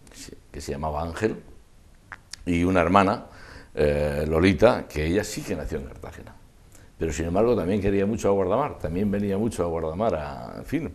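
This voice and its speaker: An older man reminiscing in an interview, discursive and halting, often trailing off mid-thought. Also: low-pitched, a little mellow. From Spain. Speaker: interview guest, festival proclamation speaker.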